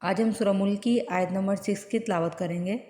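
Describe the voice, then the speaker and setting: A woman's voice: medium pitch, fairly even intonation, mellow. Patient woman teaching recitation, echoey room. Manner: patient, repeats words slowly to model pronunciation. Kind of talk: step-by-step tajweed lesson. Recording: echoey room with long reverb.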